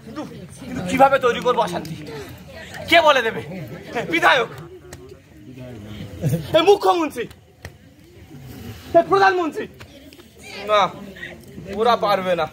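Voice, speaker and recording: A man's voice: very high-pitched, sing-song, a little slow, pauses often, heavily acted. A man playing a scheming son who profits from family quarrels, declaiming theatrically in an amateur stage play. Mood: frantic. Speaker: stage actor. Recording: loud crowd noise.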